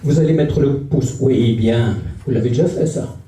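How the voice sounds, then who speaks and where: A man's voice: mid-range voice, normal speed. A man performing live magic patter as a stage magician, guiding a volunteer with short prompts. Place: live show in a room with audience. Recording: roomy, distant live stage recording, clear noise.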